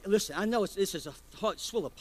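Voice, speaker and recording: A man's voice: sits high, fast talker, rough recording. A man preaching a sermon as pastor, firing rhetorical questions at the congregation.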